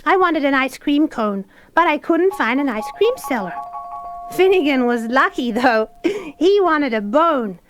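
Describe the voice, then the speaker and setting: A woman's voice: high-pitched, lively intonation, unhurried. A woman voicing a cheerful little boy puppet who tells a story with giggles and a sing-song lilt, on a children's record. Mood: storytelling. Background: children's music.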